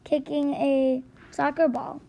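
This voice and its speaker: Lady reading a playful storybook boy, high and slow. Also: level tone, creaky, mellow, exaggerated voice. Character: playful young boy who loves winter.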